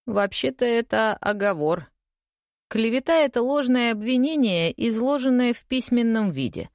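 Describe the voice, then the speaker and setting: Woman reading a deadpan English lawyer. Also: a little high, moderate pace, no room sound, studio quality, pitched above the performer's own voice. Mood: dry teasing. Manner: calm, teasing, deadpan. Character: suave, unflappable English lawyer, man, dry wit.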